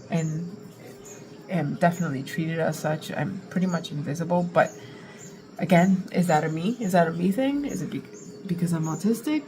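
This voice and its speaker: A woman's voice: fairly low pitch, noisy background. A woman talking casually and candidly to her own vlog, often stopping, restarting and interrupting herself as she thinks aloud. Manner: halting, self-interrupting, candid. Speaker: vlogger recording herself. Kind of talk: casual confessional vlog talk.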